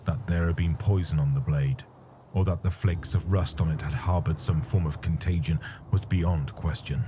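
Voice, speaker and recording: A man narrating a story in a measured, grave manner. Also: low voice, fairly even intonation, background noise. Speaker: audiobook narrator. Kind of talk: scripted narration.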